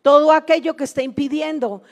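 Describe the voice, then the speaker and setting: A woman's voice: high-pitched, steady tone, fairly quick, vocal fry. A middle-aged woman, preaching a sermon as she tells a story, acting out the dialogue and building to fervent exclamations. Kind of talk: sermon testimony.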